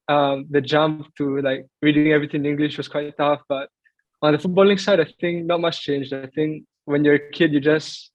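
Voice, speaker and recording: A young man raised in Greece talks through his answers slowly and thoughtfully, filling gaps with "uh" and "like." His pitch sits a touch high but barely moves. The sound is dry and a little dull, like a lo-fi recording. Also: dry recording. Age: young adult. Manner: thoughtful, hesitant with many fillers. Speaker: footballer guest. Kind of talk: casual interview answers.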